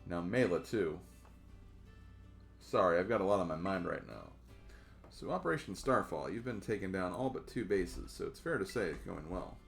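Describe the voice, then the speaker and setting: A man voicing a secretive commander who briefs an ally over the phone in a measured, businesslike way, reading game dialogue aloud. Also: low-pitched, expressive, gravelly, faint music behind. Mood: briefing.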